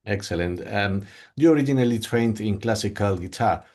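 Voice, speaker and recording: A man's voice: lowish voice, normal speed, darkish tone. A man hosting an interview, asking formal, brief questions. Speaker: interview host.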